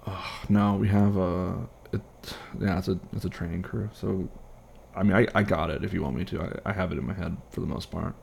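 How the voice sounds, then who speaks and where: A man playing an easygoing airline pilot, chatting casually and haltingly with a colleague in a one-sided role-play. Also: low-pitched, fairly even intonation, creaky, darkish tone, slight background noise. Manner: casual, halting, reassuring co-worker chat.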